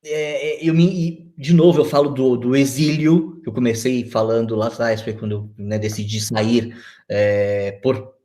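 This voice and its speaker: A Brazilian man in his forties talks over a video call at a middle pitch. He muses out loud, hesitant and reflective, often stopping to restart a thought with fillers. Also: steady tone, moderate pace. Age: 40s. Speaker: interview guest. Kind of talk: casual video-call interview.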